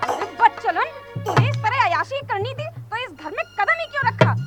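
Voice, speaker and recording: A woman's voice: very high voice, very animated, moderate pace, music in the background. A woman playing a harsh middle-aged mother-in-law who scolds and abuses, speaking shrilly. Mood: furious.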